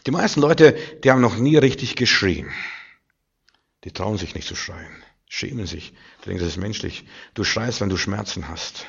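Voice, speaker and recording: A man preaching a sermon with passion, swinging from hushed lines to loud outbursts. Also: deep voice, moderate pace, gravelly, long pauses, slightly rough, muffled recording.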